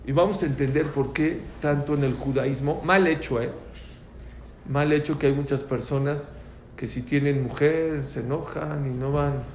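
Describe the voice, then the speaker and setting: A man teaching a religious class on prayer, telling stories in an animated way. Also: a little high, moderate pace, a little hiss or hum. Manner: animated storyteller. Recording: echoey room.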